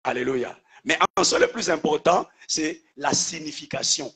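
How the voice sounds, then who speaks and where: A man's voice: on the high side, fairly even intonation, moderate pace, a bit bright, slightly rough. A man preaching a sermon as a pastor, calling out to the congregation and having them repeat after him. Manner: preacher calling out "Alléluia" and "Amen", call-and-response with the congregation.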